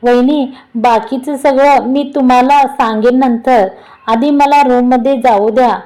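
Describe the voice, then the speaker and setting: A woman voicing a playful young man who teases and pleads in a hushed way, within a storybook reading. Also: high voice, steady tone, measured pace, rough recording. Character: brash young man, teasing brother-in-law.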